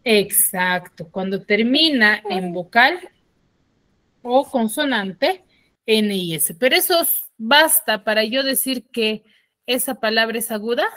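Teacher quizzing her class, higher voice. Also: expressive, slow pace, pushed and bright, no room sound. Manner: drills students with repeated questions. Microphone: video call.

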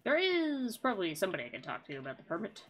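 A woman's voice: medium pitch, huge pitch swings, rapid-fire, a bit bright. A woman streaming a video game, chatting casually with sarcastic, jokey asides. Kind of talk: casual gameplay chat.

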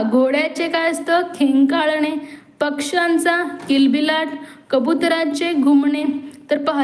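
High-voiced woman teaching a lesson. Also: darkish tone, roomy sound. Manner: asks questions and answers them herself; reads word lists slowly, drawing out each word. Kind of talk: classroom lesson.

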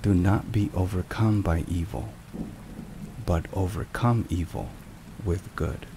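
In a solemn, scripted ASMR narration, a low-voiced man speaks very slowly and with measured care. A thunderstorm with rain is clearly audible behind him, along with some background noise.

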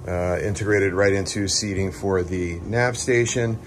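Recorded on a handheld phone camera at a boat show, this clip features a middle-aged yacht broker showing off a sailboat at the dock, both on deck and inside the cabin. His deep voice keeps a fairly even intonation and a measured pace, and he speaks enthusiastically and casually with frequent fillers. A little hiss or hum sits under the audio.

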